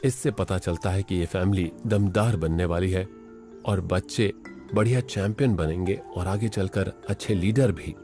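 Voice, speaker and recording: Guy doing dubbed wildlife doc narration, kinda low voice, excited play-by-play, music going loud behind. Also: normal speed. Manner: excited commentary on the chase.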